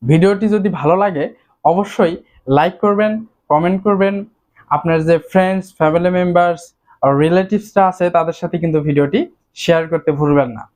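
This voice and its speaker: A man with a somewhat high voice teaches English vocabulary in a slow, methodical lesson. He says each word twice, pauses, and then explains its meaning step by step. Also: a little mellow.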